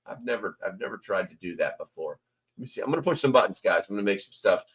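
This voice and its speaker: Talking quickly and expressively, an American livestream host rambles while reading names from the chat. His voice is lowish and slightly rough, the audio dull, and he uses a small desk microphone in a sparse, almost bare room.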